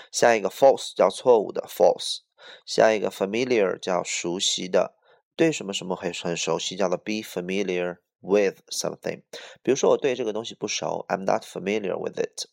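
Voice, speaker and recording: Deep gravelly man teaching vocabulary. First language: Chinese. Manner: explains each word with example phrases, spells letters out. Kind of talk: vocabulary lesson, word by word.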